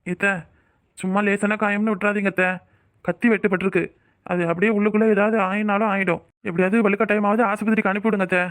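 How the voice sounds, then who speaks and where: A woman's voice: mid-range voice, little pitch movement, fast talker, pitched below the performer's own voice, close to an everyday voice. A woman with a Kanyakumari Tamil accent voicing a caring, worried young man in a cartoon, pleading and reproachful.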